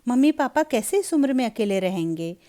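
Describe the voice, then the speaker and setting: A woman's voice: fairly high pitch, sing-song, brisk, mellow. A woman voicing an anxious, insistent young married woman in a Hindi storybook reading. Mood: worried.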